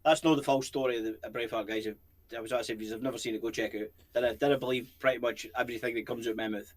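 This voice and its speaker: A man's voice: medium pitch, fairly even intonation, racing. Scottish male co-host, rambling casual banter, salty and jokey. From Scotland. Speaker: co-host of a paranormal channel. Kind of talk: casual chat.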